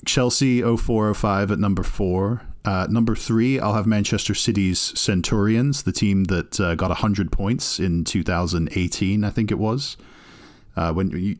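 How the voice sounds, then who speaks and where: A man co-hosting a casual sports podcast, opinionated and teasing, with many filler sounds. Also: low-pitched. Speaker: podcast co-host.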